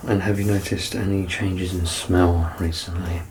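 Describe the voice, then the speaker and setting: An ASMR performer plays a clinician in an exam roleplay, softly reassuring and giving instructions in a hushed voice that often slips into a whisper. The voice is low and level, at a normal speed, with a faint hiss or hum.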